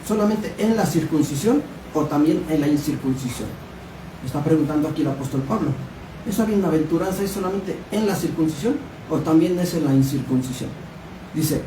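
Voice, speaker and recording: A man's voice: on the high side, mellow. A man preaching in a church, reading scripture and asking the congregation questions. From Mexico. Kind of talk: Bible study sermon. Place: church hall. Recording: echoey room, distant mic, background noise.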